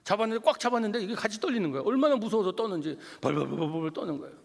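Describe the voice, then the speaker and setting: A middle-aged man from Korea, a guest pastor preaching a revival sermon, telling stories animatedly and swinging from loud to hushed. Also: high-pitched, animated, very fast, gravelly. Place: church sanctuary. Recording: long church hall reverb.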